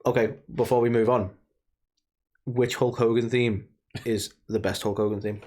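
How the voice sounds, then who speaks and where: A man's voice: mid-range voice, fairly even intonation, moderate pace, a little mellow. A man co-hosting a wrestling podcast, talking casually and rambling with plenty of fillers, originally from the UK. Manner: chatty, rambling, lots of fillers. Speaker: podcast co-host. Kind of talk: casual chat.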